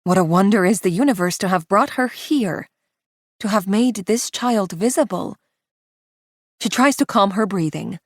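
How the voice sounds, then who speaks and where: A woman narrating a psychological thriller audiobook in a tense, hushed delivery. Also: medium pitch, animated, moderate pace, dry recording, clean studio sound. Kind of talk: scripted narration.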